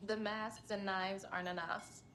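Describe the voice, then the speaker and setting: A woman's voice: mid-range voice, level tone, moderate pace, fairly bright tone, natural voice. A woman playing a brash, sardonic writer in a video game. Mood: wry, defensive. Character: brash, sardonic female true-crime writer. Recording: faint background ambience noise.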